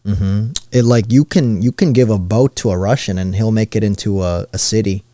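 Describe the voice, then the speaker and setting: A man's voice: on the low side, normal speed, dark tone, dry recording. A young man co-hosting a podcast in casual chat, tossing out jokes and rambling questions. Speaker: podcast co-host.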